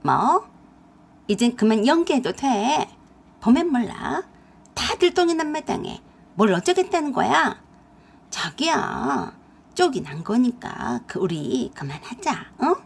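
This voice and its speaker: Rival role: coquettish, mocking young woman, high and husky, played by a woman storyteller. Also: very animated, takes it slowly, heavily acted. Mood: coaxing.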